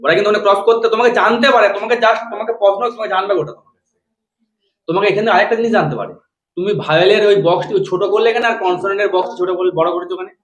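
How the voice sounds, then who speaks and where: A male teacher trainer giving quick, corrective feedback on a trainee's demo lesson. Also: high voice, fairly bright tone, lo-fi sound. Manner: rapid, corrective. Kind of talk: spoken feedback on a demo class. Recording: echoey room.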